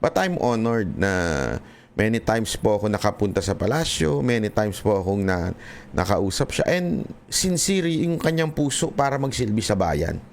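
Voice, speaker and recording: A man's voice: fairly low pitch, big pitch swings, moderate pace, slight background noise. A man from the Philippines giving earnest commentary to his viewers, talking to them directly, slipping between Tagalog and English with frequent restarts. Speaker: political vlogger. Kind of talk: impassioned commentary vlog.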